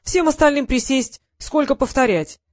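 A woman voicing a brisk, plump female gym coach who scolds loudly. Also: high-pitched, voice pushed up, natural voice. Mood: scolding. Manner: loud, scolding.

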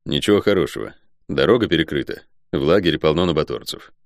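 A man's voice: rumbling low, expressive, quick pace, gravelly, no echo, clean studio sound, heavily acted. A man voicing a terse, weary male ranger who gives curt, clipped answers. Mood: grim.

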